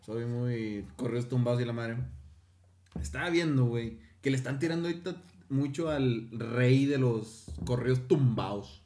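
A man's voice: mid-range voice, normal speed, a little mellow. A man in his twenties with a Mexican accent, chatting casually and laughing on a podcast with friends. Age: 20s. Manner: slangy, laughing, talks over others. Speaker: podcast co-host. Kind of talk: casual chat.

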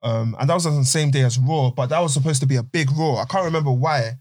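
A man's voice: medium pitch, fast talker, darkish tone. A man with an urban London roadman accent and street slang, chatting casually as a podcast host in a group. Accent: London, urban roadman-style slang.

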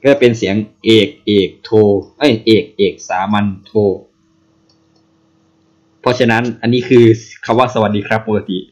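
A man's voice: lowish voice, steady tone, normal speed. A man casually explaining something to a co-host, playfully sounding out syllables one by one.

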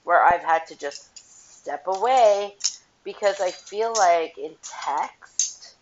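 A woman with a fairly low voice speaks slowly as she hosts a casual solo podcast while washing dishes. She's blunt and profane, sharing frank opinions. Her headset mic makes her sound tinny and metallic, like a tin can, with a little hiss or hum and faint dish clatter.

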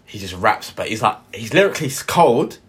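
A man's voice: on the low side, sing-song, a little fast, fairly bright tone, breathy edge. A man co-hosting a podcast, chatting casually in street slang and often repeating himself. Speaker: podcast co-host.

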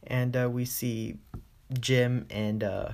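A man's voice: mid-range voice, flat delivery, takes it slowly, vocal fry, a little mellow. A man hosting a podcast, giving a casual, chatty recap of an episode with many "uh" fillers. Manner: chatty, loose, with frequent "uh" fillers. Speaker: podcast host.

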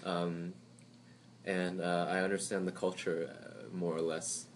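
Deep-voiced young man, rambling chat. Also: measured pace, slight background noise. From Taiwan. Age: 20s. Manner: relaxed, rambling with many fillers and restarts. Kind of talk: casual chat.

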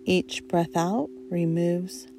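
A woman guiding a relaxation meditation in a soft, soothing, hypnotist-like voice, leaving long pauses between short phrases. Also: fairly low pitch, slight background noise. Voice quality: soft, mellow. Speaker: guided meditation narrator.

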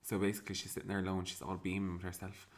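Woman with a really deep voice, jokey podcast banter. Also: completely flat delivery, racing, over a noisy crowd. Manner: joking, teasing banter. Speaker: podcast co-host. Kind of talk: casual chat.

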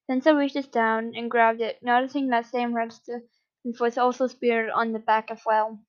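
A woman's voice: fairly high pitch, level tone, normal speed. A woman reading a fan story aloud in a casual, unpolished way, with the odd slip and restart. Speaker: story reader. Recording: dull lo-fi recording.

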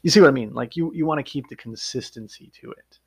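In a casual solo podcast, a man talks earnestly and step by step about his work narrating audiobooks. He speaks quickly, with a mid-range, slightly rough voice.

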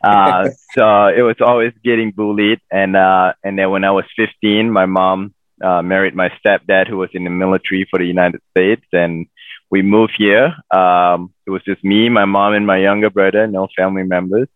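Deep-voiced man on a tinny line. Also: normal speed, no room sound. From Malaysia. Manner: relaxed, with many fillers. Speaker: podcast guest. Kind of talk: casual interview storytelling. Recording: dry tinny phone-like line.

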